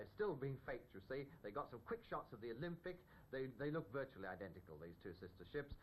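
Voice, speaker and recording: A man presenting old film footage in an unscripted commentary, explaining things with emphasis and halting pauses. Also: rough recording. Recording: steady background noise with low rumble.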